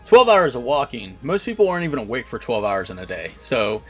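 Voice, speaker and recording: A man's voice: mid-range voice, very animated, fairly quick, slightly rough, soft background music. A man hosting a casual video interview, chatting informally and wordily with some swearing. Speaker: host of a video channel.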